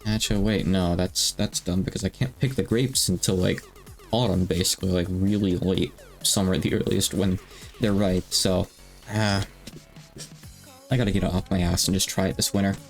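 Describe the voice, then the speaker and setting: A man's voice: sits low, steady tone, moderate pace, creaky, faint music behind. A man in his thirties chatting casually on a livestream, rambling and self-deprecating with lots of fillers. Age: 30s. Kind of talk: casual stream chat.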